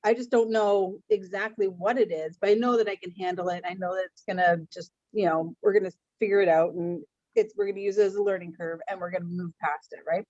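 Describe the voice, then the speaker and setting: A woman speaking casually on a business video call, upbeat and quick to laugh. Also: mid-range voice, expressive, a little mellow, dry recording. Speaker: business owner. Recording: dry, dull video call.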